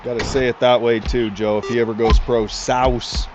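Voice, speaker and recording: A man doing casual, excitable play-by-play commentary for a league, throwing in chatty asides to his co-hosts. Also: mid-range voice, fairly quick. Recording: slightly muffled with clear music behind.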